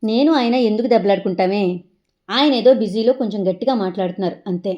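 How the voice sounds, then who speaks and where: A woman doing a loud scolding Telugu mom. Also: medium pitch, fast, dull audio, natural voice. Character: scolding middle-aged mother, bossy but loving. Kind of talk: comic family sketch.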